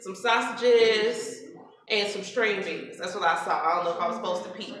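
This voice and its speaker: A woman's voice: medium pitch, moderate pace, a bit bright. A woman radio host, talking with emphatic, preachy, repetitive rhetoric. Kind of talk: impassioned talk at a live event. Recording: very echoey hall, faint noise.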